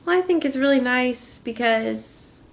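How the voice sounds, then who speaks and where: A woman's voice: sits high, animated, measured pace, gravelly, rough recording. A young woman in a casual interview, speaking thoughtfully and hesitantly, often stopping to restart her sentences.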